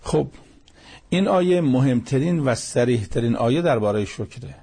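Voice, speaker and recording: A man explains a holy text line by line in a religious lesson. His voice is gravelly and husky. He hammers points home by repeating phrases. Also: mid-range voice, animated, mellow. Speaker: Quran commentator.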